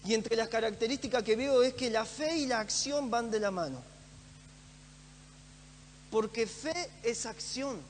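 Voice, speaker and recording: A man's voice: very high-pitched, a little slow, long pauses. A man preaching a sermon in a church, earnest and emphatic, repeating phrases for stress. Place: church hall. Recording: echoey church hall with faint hum.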